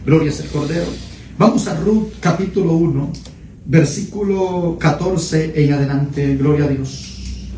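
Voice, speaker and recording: A man's voice: a little high, a little slow, a little hiss or hum. A man preaching and praying fervently on the radio, often repeating phrases of praise. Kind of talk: fervent radio sermon and prayer. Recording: echoey room, distant mic, loud guitar music. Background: loud guitar music.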